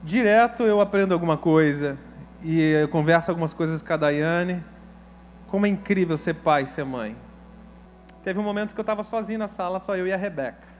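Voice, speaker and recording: A man's voice: sits high, a little fast, a little hiss or hum. A male pastor with a Brazilian Portuguese accent preaching a sermon, telling a story in an emotional, casual way with slang.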